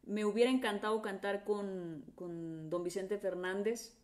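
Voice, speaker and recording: A woman's voice: medium pitch, steady tone, a little slow. A woman singer with a Mexican accent chatting casually with fans on a live stream, greeting viewers by name and trailing off in restarts.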